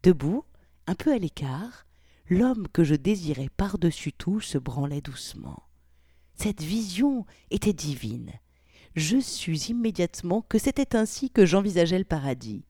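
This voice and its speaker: A woman narrates an erotic audio story in an intimate tone that sometimes drops to a breathy whisper. Her voice is low and mellow. It is recorded close and dry. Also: very animated, a little slow, no room sound.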